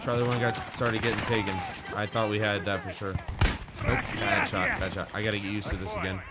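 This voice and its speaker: Male game streamer, lowish voice, informal and sweary self-talk over loud battle noise. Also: level tone, fairly quick. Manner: profane, informal, muttering to himself. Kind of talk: casual live gameplay commentary. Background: video game battle sounds.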